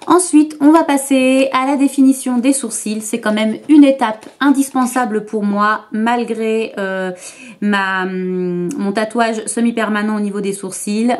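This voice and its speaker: A beauty vlogger talks to camera through her makeup routine in a makeup tutorial, chatty but hesitant, with frequent fillers and restarts. Her voice is on the high side and a little slow.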